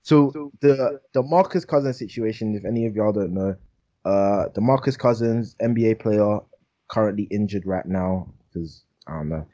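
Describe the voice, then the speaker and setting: A man's voice: lowish voice, normal speed, warm tone, highs cut off. A young man with a London roadman accent hosting a casual, slang-heavy chat, repeating phrases for emphasis. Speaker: podcast host.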